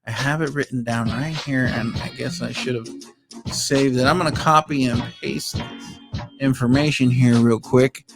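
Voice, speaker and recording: A man hosting an online radio show, talking casually in chummy street slang and giving shout-outs. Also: mid-range voice, steady tone, normal speed, gravelly, music in the background. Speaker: show host.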